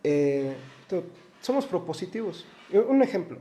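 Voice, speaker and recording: A man's voice: high-pitched, very animated, a little slow, mellow, reverberant. A man with a Mexican Spanish accent, a lawyer and guest in a studio interview, talking earnestly and stammering on his opening words.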